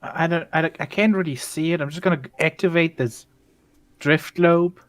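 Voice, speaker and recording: A man's voice: on the high side, fairly even intonation, moderate pace, fairly bright tone. A man playing a tabletop role-playing game, chatting casually and playfully as he decides on his moves.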